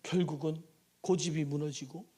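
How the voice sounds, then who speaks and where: A male pastor giving a Wednesday evening sermon in a church, emphatic, with rhetorical questions and sudden shouts. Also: a little high, fairly even intonation, moderate pace, crowd noise. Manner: acts out prayers in a pleading sing-song. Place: church sanctuary.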